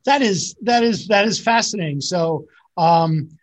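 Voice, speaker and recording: A middle-aged man, a priest, hosting a radio interview in a halting way, with many fillers and repeated words. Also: high-pitched, lively intonation. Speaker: radio show host, priest.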